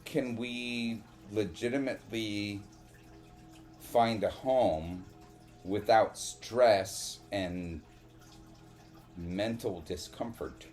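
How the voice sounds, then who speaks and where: A man co-hosting a casual podcast chat, rambling and halting, swearing now and then. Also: on the low side, a little mellow. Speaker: podcast co-host.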